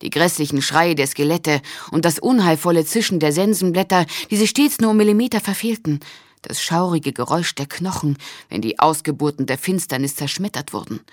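A woman reading a fantasy audiobook in a calm, expressive narrating voice. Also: deep voice, no room sound, studio quality.

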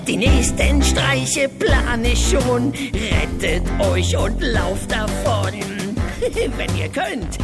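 A man voicing a small, boastful, mischievous male ink monster with three legs, in a squeaky, gleeful voice. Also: heavily acted. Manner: squeaky, gleeful, shouting and singing.

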